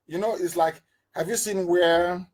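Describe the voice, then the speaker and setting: A man's voice: sits high, a little mellow. A middle-aged man giving an impassioned political address, firing off rhetorical questions and repeating words for emphasis. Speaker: political broadcaster.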